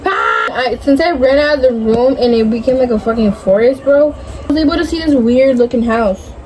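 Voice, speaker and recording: A woman's voice: high voice, fairly quick, dark tone, a little hiss or hum, rough recording. A young woman casually telling a dream story in a hazy, puzzled way, groping for words and swearing often.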